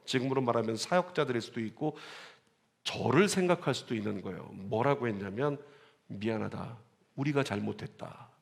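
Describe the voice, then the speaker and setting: A man preaching a Sunday sermon as pastor, animated and calling on the congregation to repeat lines and read along. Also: medium pitch, fairly quick, creaky. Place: church sanctuary. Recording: church sanctuary with long reverb.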